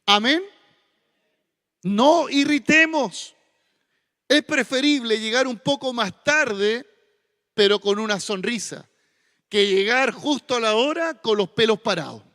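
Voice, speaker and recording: Chilean male pastor, high voice, church reverb, folksy then earnest sermon. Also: animated, a little slow, pushed and bright. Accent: Chilean Spanish. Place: church sanctuary. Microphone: stage microphone with monitor.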